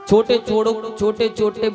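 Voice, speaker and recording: A male devotional preacher recounts a sacred story with deep feeling and plenty of repetition. He speaks very slowly, in a slightly high voice. Music plays behind him, and the sound rings in a reverberant hall. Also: completely flat delivery, warm tone. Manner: emotional, repetitive, slow storytelling. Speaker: katha preacher.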